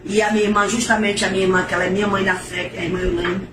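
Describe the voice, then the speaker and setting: A woman's voice: mid-range voice, little pitch movement, rapid-fire. A middle-aged woman, giving an emotional, repetitive religious testimony in a preacher-like manner. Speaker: testimony giver. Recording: echoey, distant, noisy.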